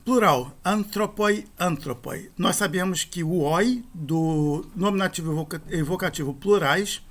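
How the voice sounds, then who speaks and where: A man's voice: high voice, measured pace, a bit bright. A man, teaching a grammar lesson and spelling out endings and rules step by step.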